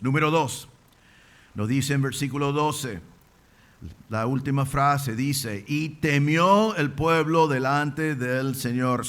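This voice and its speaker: A man's voice: mid-range voice, fairly bright tone. A man preaching a sermon as pastor, emphatic, with rising bursts and rhetorical questions. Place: church.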